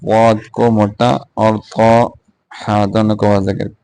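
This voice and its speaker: Slow, smooth Urdu-accented recitation teacher. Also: male voice, on the low side, completely flat delivery, mellow, dry recording, rough recording. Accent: Pakistani Urdu. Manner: slow drawn-out chanted recitation, then quick spoken tajweed pointers. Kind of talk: word-by-word recitation lesson.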